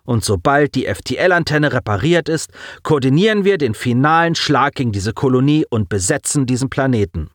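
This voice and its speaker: A man reading an audiobook, voicing a cold, commanding female starship lieutenant who speaks in an icy, calm, cutting way. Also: medium pitch, normal speed, hardly any pauses, no echo, studio quality, pitched above the performer's own voice, close to an everyday voice. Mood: icy, scornful.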